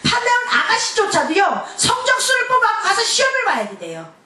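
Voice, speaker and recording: Woman pastor, high and animated, preaching in an echoey church. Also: a little fast. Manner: animated preaching, dropping to a soft hush for quoted lines. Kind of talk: Sunday sermon. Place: church sanctuary. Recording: echoey church hall, mic far off.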